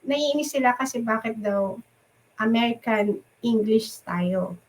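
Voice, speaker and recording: A middle-aged woman from the Philippines, a nurse, chatting casually as an interview guest, animated and laughing often as she acts out the voices of people she quotes. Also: on the high side, unhurried, rough recording. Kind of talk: casual storytelling chat.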